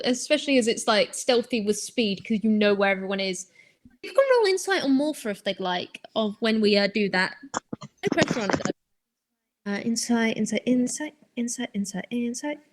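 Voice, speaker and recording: A woman's voice: fairly high pitch, lively intonation, moderate pace. A woman chatting casually as a player in a tabletop roleplaying game.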